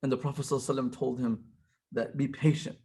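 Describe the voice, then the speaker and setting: A man with a husky, middle-pitched voice leads a college Islamic study circle. He retells old stories with quoted speech, slips Arabic phrases and verses into his English, and builds to emphatic passages. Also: little pitch movement, very fast, warm tone. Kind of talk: storytelling religious talk.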